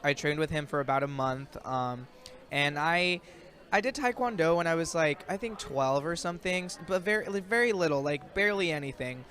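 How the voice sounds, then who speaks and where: A man's voice: on the high side, brisk, fairly bright tone. A young adult man, an actor guest, answering interview questions in a loose, rambling way full of ums and likes. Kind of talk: casual interview chat. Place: outdoors in a built-up area.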